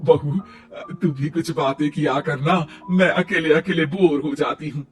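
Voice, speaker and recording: A man's voice: on the high side, fairly even intonation, unhurried, lightly acted. A man voicing a boastful, jealous older mother-in-law in a cartoon story. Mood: haughty. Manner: boastful, snappy. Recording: distant mic, faint music.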